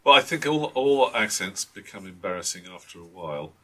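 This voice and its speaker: A man's voice: lowish voice, big pitch swings, fairly quick, sharp tone. A man, a tabletop game master, chatting casually and hesitantly with many restarts and fillers. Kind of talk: casual chat.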